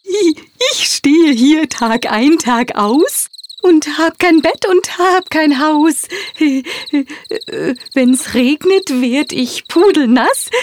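A woman doing a halting dim scarecrow. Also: sits high, lively intonation, noisy background, voice pushed up. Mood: awkward. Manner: hesitant, halting with ums. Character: dim-witted female scarecrow, shy.

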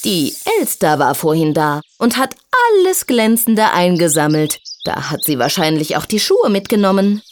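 A woman's voice: fairly low pitch, big pitch swings, normal speed, hardly any pauses, a little hiss or hum. A woman voicing a lazy, sly female snake who talks in a drawling, knowing way.

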